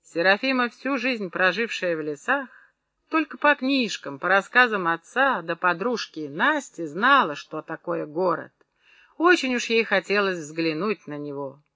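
A woman reading a novel aloud in an even, measured narration. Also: medium pitch, no echo. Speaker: audiobook narrator. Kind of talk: scripted narration.

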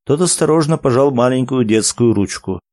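A man reads a story aloud at a measured, calm pace. His pitch sits in the middle of the range. The recording is dry and close. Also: no room sound. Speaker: narrator. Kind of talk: audiobook narration.

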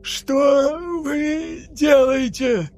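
A man's voice: sits high, moderate pace, faint music behind, pitched above the performer's own voice, lightly acted. A man voicing a cowardly young male officer, pleading and frantic. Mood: panicked.

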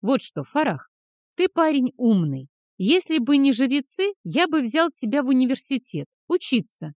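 A woman's voice: high voice, very animated, normal speed, darkish tone, no echo, studio quality, pitched above the performer's own voice. A woman reading the part of a kindly, absent-minded older male scholar in an audiobook, talking fussily. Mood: kindly, fussy.

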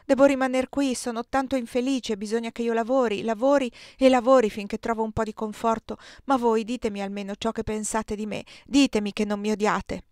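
A woman's voice: a little high, steady tone, fairly quick, few pauses, darkish tone, dry recording, pitched above the performer's own voice, natural voice. Lady reading as a guilty desperate guy, begging, dry close voice. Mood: pleading. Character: guilty desperate man, pleading.

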